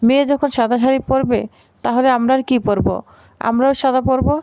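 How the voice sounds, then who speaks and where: A woman's voice: sits high, fairly even intonation, a little fast, warm tone, clean tone, dry recording. A woman voicing a bossy, cheerful young sister. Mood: coaxing.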